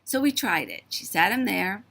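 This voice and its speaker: A woman in her fifties telling a story to the camera in a chatty, marvelling way, her voice starting to go hoarse. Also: mid-range voice, big pitch swings, moderate pace, fairly bright tone. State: voice going hoarse. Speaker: vlogger.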